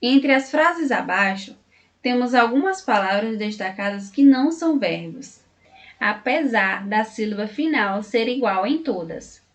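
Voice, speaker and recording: A woman from Brazil, a teacher, reading textbook exercises aloud to young pupils in a slow, clear voice and stretching out words to show how they sound. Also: on the high side, animated. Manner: carefully articulated, stretching out words for pronunciation.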